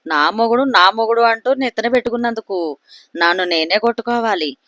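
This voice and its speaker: Storybook wife, snappish and scolding, louder than her plain reading, dry close sound by a woman narrator. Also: fairly high pitch, fairly quick, no echo, close to an everyday voice. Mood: wailing. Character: sharp-tongued, jealous adult wife.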